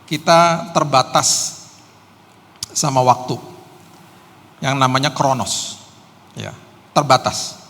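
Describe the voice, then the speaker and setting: Speaking slowly with long pauses, a middle-aged guest pastor from Jakarta, Indonesia, preaches at a live service in a church hall. His voice is medium-pitched and fairly bright, and his sermon is conversational, mixing casual personal storytelling with self-deprecating humour. The hall is reverberant, with faint background noise.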